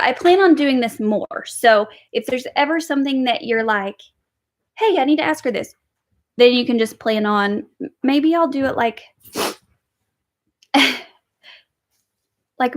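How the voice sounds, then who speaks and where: A woman and mother chatting casually on a home livestream, rambling and reading viewer comments aloud. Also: a little high. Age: adult with kids. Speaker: livestream host. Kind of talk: casual live chat.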